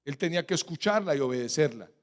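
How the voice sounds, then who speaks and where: A man's voice: on the high side, lively intonation, fast talker. A man with a Colombian accent preaching a sermon as pastor, firing rhetorical questions and letting the congregation finish his sentences. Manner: emphatic preaching cadence with sudden loud stresses. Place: church.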